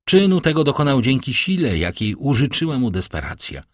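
A man narrating a classic novel as an audiobook in a measured, dramatic reading. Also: mid-range voice, very animated, dry recording, clean studio sound.

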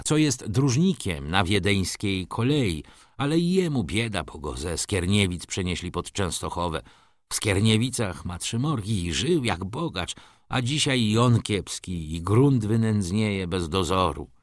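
A man's voice: on the low side, lively intonation, unhurried, no echo, clean studio sound. A man voicing a poor, humble old carter who speaks deferentially and wearily in a storybook reading. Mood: weary. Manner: humble, pleading, respectful address.

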